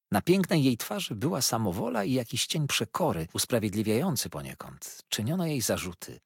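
A male audiobook narrator tells a classic story in the first person, pausing and swelling for drama. His voice is low and husky, and his pitch moves in wide, animated sweeps. The sound is close and dry, with no room in it. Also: no echo. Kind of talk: expressive literary audiobook narration.

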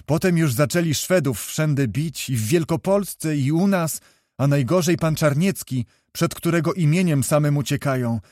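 A man voicing a lively, chatty young noblewoman in a read storybook, talking quickly like a chirping bird. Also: a little high, no echo, clean studio sound, close to an everyday voice. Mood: chirpy.

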